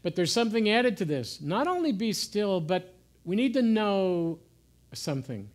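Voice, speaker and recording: A man giving an informal sermon in a gentle, conversational way, sometimes dropping to soft, hushed asides. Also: high-pitched, sing-song, normal speed. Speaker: pastor. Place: church.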